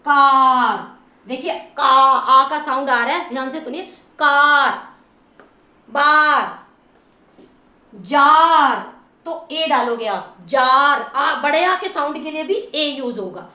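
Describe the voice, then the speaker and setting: A woman teaching English phonics, stretching sounds slowly and spelling words letter by letter. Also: high voice, lively intonation, sharp tone, echoey room. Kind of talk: phonics lesson.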